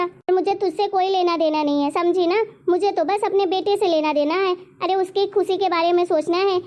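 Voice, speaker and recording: A woman voicing a harsh, scolding middle-aged mother-in-law in a cartoon story. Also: a little mellow. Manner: scolding, bossy, shrill.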